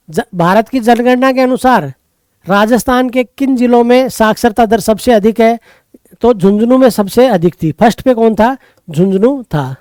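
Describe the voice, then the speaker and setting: Man, tutor, Rajasthani Hindi accent, high voice, dry close sound. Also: a little mellow, clear, resonant tone, no echo. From Rajasthan, India. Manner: brisk quizzing, answers his own questions. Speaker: exam tutor. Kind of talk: exam paper walkthrough lesson.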